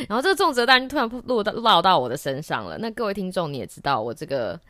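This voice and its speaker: A woman hosting a podcast, telling a story in a casual, animated way, laughing often and slipping into English phrases. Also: mid-range voice, fast, dry recording, clean studio sound. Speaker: podcast host. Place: office during lunch break.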